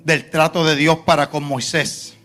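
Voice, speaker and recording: Slow bright-voiced preaching man. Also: fairly even intonation, faint music behind. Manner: preaching, swings from soft low asides to loud emphatic lines. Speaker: pastor. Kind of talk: sermon. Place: church sanctuary.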